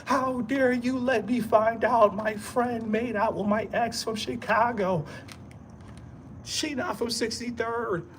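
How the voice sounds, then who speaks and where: Slow and fairly bright, a very high-pitched vlogger keeps his intonation fairly even as he rambles on motivationally. He laughs while talking, leans on street slang, and keeps repeating points emphatically. There's slight background noise.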